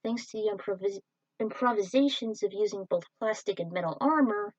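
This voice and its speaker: This amateur podfic narrator, a woman, reads a scripted adventure story at home on lo-fi equipment. She speaks fairly quickly at medium pitch, and there's no room sound.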